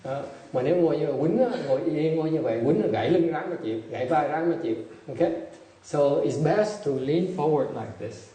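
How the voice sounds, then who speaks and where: A man's voice: a little high, animated, fairly quick, dark tone. A man giving a dharma talk as a Buddhist meditation teacher, telling jokey anecdotes. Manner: joking, anecdotal storytelling. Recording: echoey hall, distant mic, faint hiss.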